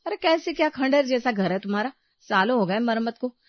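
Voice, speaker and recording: A woman's voice: on the high side, lively intonation, brisk, no room sound, lightly acted. A woman as a put-upon young daughter-in-law. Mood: complaining. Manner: complaining, pleading. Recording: dull lo-fi recording.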